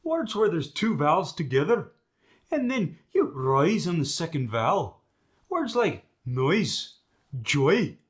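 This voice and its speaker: In a comic lesson, a man plays a swaggering Scottish dialect master who shows off sounds with emphasis. His fairly high voice swings widely in pitch and moves a little slowly, and the tone is confident and instructive.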